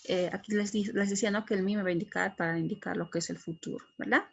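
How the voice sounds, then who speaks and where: A woman's voice: mid-range voice, steady tone, fast talker, vocal fry, breathy edge, dull audio. A middle-aged woman giving an English grammar lesson, explaining patiently and checking in with frequent tag questions. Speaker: English teacher.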